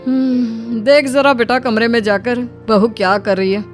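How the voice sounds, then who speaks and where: A woman's voice: fairly high pitch, fairly even intonation, unhurried, faint music behind, lightly acted. Woman playing a weary older mother-in-law.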